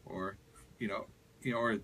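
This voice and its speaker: A man's voice: fairly low pitch, fairly even intonation, normal speed, pushed and bright, slightly rough. A man working as a landscape designer, explaining garden design in casual radio talk and often saying "you know".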